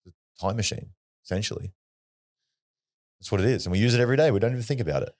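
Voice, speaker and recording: Speaking at a racing pace, an Australian podcast guest shares a personal story in a casual, blunt, earnest way, cursing without restraint. His voice is lowish and a little mellow.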